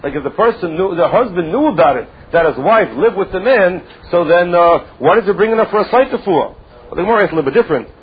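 A man's voice: high voice, expressive, fast talker, slightly rough, phone-quality sound. A man with a Yiddish accent teaching a religious text, explaining emphatically with repetition and rhetorical questions. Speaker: Talmud teacher.

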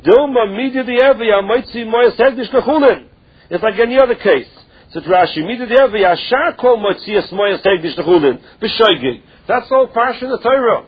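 A man's voice: high-pitched, lively intonation, fairly quick, breathy edge. A man with a Yiddish-influenced accent giving a religious text lesson, reading phrases and explaining them step by step with questions and answers. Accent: Yiddish-influenced English. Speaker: Talmud teacher. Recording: dull lo-fi recording.

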